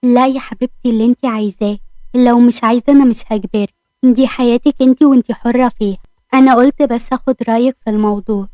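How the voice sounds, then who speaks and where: A calm, tender father with an Egyptian accent, speaking to his daughter with care, as a woman reads him. The voice is quick and a little high, recorded dry and close. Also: no room sound, close to an everyday voice. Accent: Egyptian Arabic. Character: gentle older father, businessman.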